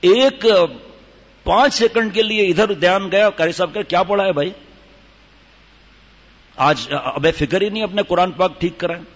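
A man's voice: sits high, long pauses. An older man giving a sermon to a gathering, telling stories and demonstrating recitation. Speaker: religious teacher. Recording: dull hall reverb.

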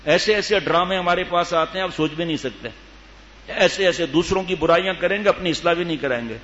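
A man's voice: high voice, fairly bright tone. A man preaching a humorous sermon to a live audience, teasing his listeners and acting out the people in his stories. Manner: jokey, teases the listeners, acts out quoted people. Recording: reverberant hall, dull lo-fi sound, faint room noise.

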